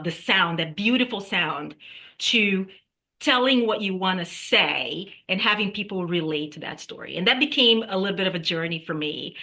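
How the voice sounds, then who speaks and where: A woman from Brazil, a singer-songwriter guest, talking casually and reflectively, pausing on fillers and often adding "right?". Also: medium pitch, pushed and bright. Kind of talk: casual interview talk.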